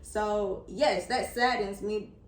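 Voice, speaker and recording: A woman's voice: mid-range voice, steady tone, slow pace. A young woman vlogger, earnest and reflective, talking openly with her father over a meal. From United States. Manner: earnest and reflective, repeats herself for emphasis. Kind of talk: heartfelt sit-down conversation over a meal. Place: indoors at a table. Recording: echoey room with faint background noise.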